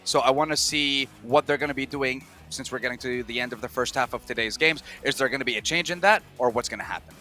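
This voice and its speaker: A man's voice: mid-range voice, fast, hardly any pauses, bright, forceful tone, soft background music. A man explaining team drop spots and picks at an esports analyst desk.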